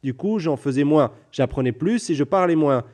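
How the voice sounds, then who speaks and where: A man's voice: a little high, lively intonation, normal speed, darkish tone. A man telling a personal story in an interview, acting out the people he quotes. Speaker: interview guest.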